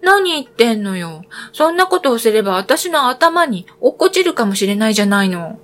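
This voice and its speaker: A woman's voice: a little high, sing-song, moderate pace, a bit bright. A woman voicing a lazy, spoiled girl in a storybook reading, with a snippy, dismissive way of talking.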